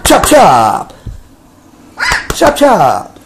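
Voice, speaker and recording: Older grandpa guy doing slow baby talk to a toddler at home, really drawn out. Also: sits high, huge pitch swings, background noise. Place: family home.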